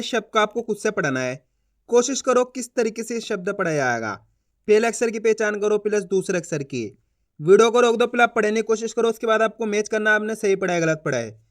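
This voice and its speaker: A man's voice: sits high, fairly bright tone. A man teaching children to read words, sounding each syllable out and repeating every word with patient coaching. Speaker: Hindi reading teacher. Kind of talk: slow, syllable-by-syllable reading lesson.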